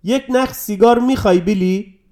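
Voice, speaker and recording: A young woman on a date who keeps mocking and needling the boy beside her, voiced by a man reading the story. Her tone is scornful. Her pitch sits fairly high. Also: darkish tone, close to an everyday voice. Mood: taunting.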